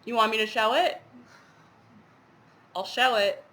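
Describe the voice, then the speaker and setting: A cross-stitch vlogger with a stuffy head cold chats casually in a fairly high, pushed and bright voice, at an unhurried pace. She rambles with lots of fillers while showing off her stitching projects.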